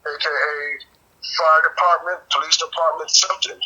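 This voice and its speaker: A man's voice: fairly high pitch, flat delivery, normal speed, sharp tone, husky, highs cut off. A young adult man, co-hosting a podcast in casual chat and telling joking stories full of acted-out quotes. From United States. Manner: joking storyteller, acts out quoted voices. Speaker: podcast co-host.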